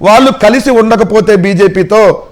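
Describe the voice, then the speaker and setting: A man on a TV news panel, arguing in a heated way with mocking, rapid rhetorical questions. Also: high-pitched. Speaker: political panelist.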